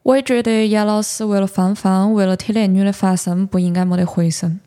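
A woman's voice: mid-range voice, fairly even intonation, a little fast, dark tone. A woman with a Sichuanese accent hosting a podcast in a casual, explanatory way, talking about books and dropping in English words. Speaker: podcast host. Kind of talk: casual book talk.

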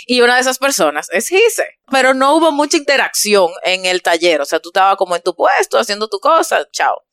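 Brief: woman podcast host, chatty and friendly, voice on the higher side, dry close recording. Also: sing-song, brisk, a bit bright, no room sound. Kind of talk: casual chat, storytelling.

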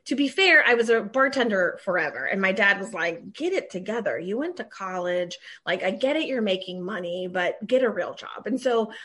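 A middle-aged woman from Maryland, a guest telling her career story in a lively, laughing, casual interview. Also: mid-range voice, normal speed, hardly any pauses. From Maryland, USA. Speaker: guest, recruiting leader.

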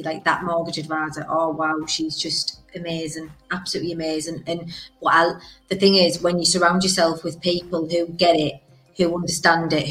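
A woman's voice: fairly low pitch, a bit bright, low-quality recording. A woman with a Teesside accent chatting casually as an interview guest, blunt and emphatic, often repeating phrases to drive a point home. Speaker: interview guest, business owner.

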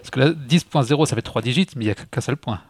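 A man co-hosting a casual tech podcast cuts in quickly with nitpicking remarks. He talks fast, and his voice sounds dry with no room around it. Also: mid-range voice, husky, no echo. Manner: quick, quibbling interjections. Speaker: podcast co-host.

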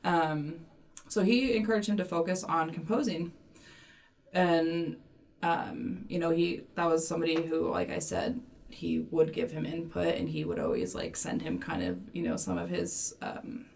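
A woman co-hosting a podcast in casual chat, relaxed and playful, telling facts with many ums. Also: lowish voice, moderate pace, creaky, far from the mic. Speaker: podcast co-host.

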